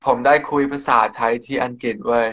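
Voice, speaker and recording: English teen speaking slangy Thai. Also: male voice, medium pitch, little pitch movement, a little fast, lo-fi sound. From England. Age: teens. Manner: casual, slangy Thai, says yeah often. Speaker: guest. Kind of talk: casual interview in Thai.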